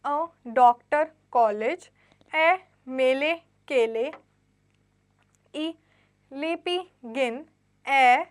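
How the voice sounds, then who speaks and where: High-voiced woman teaching grammar to children. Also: very slow, pauses often. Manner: reads textbook lines, then re-explains them in simple mixed Hindi-English; asks quiz questions and answers them herself. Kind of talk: Hindi grammar lesson for children.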